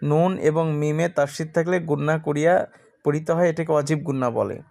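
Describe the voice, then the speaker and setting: A man teaching Quran reading, spelling out letters and vowel marks in a steady chant, and reciting verses in a slow, drawn-out style. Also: on the high side, vocal fry. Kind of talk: letter-by-letter tajweed lesson.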